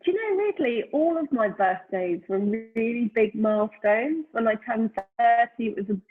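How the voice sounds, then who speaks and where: A woman's voice: on the high side, expressive, moderate pace, breathy edge, soft background music. Reflective woman in her fifties on a tinny call. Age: 50s. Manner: thoughtful, searching for words with many "you know"s. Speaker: guest, brand founder. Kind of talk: reflective casual conversation. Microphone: remote call during lockdown. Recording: tinny phone-like call line.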